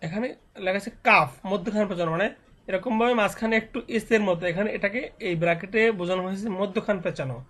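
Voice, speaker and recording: A man teaching Quran reading, spelling out letters and syllables slowly and then explaining the pronunciation patiently. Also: high-pitched. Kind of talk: slow spelling drill and explanation.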